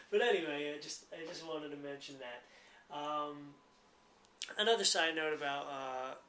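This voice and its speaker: A man's voice: fairly high pitch, pushed and bright, reverberant, slight background noise. An American man in his thirties chatting casually to the camera in a rambling, talkative way. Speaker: vlogger.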